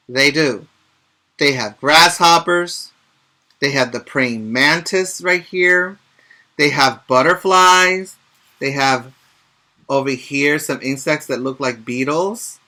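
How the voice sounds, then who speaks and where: A male teacher reads a picture book to preschoolers and teaches letter sounds, stopping to explain things and ask the children questions. His very bright, slightly high voice is very slow and clear, and it's captured in a home video recording made for a virtual class.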